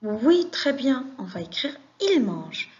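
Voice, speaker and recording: A woman teaches very young pupils at an unhurried, deliberate pace, stretching out every word and pausing for answers. Her questions and quick praise come in a patient classroom manner. The sound is dull and a little lo-fi. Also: on the high side, sing-song, darkish tone. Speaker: French teacher. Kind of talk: classroom lesson for young children.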